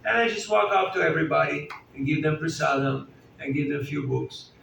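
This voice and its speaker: Fairly high and fairly bright, his voice carries vocal fry and a steady tone, moving a little fast. The man, a spiritual teacher, talks conversationally to a live festival crowd indoors, joking and asking questions. Echo from the hall and faint noise come through the distant mic.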